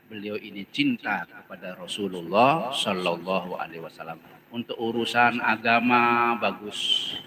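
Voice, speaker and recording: A man's voice: mid-range voice, background noise. A man with a Banjar Indonesian accent preaching at a religious gathering, telling stories with jokes and often laughing as he acts out the voices. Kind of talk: humorous sermon storytelling. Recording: crowd heard at a live gathering.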